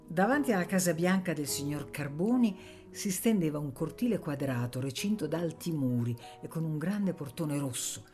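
Woman with a low voice reading a novel on radio, measured, faint music under it. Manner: measured, expressive. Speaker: audiobook reader.

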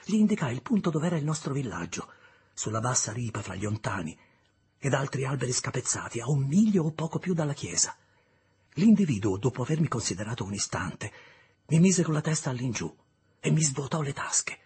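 A man narrating an audiobook in a measured, deliberate reading style, with a husky voice. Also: mid-range voice, very animated, a little mellow. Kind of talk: scripted literary narration.

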